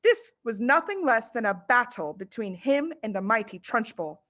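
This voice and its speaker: A woman reading a children's story aloud as expressive scripted narration. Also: on the high side, normal speed. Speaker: storybook reader.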